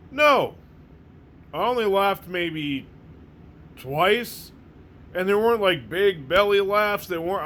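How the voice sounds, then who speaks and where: A man delivers a casual movie review in a blunt, sarcastic tone, swearing freely. His voice sits somewhat high for a man. A faint hum of room noise runs underneath. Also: a bit bright. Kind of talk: casual profane review monologue.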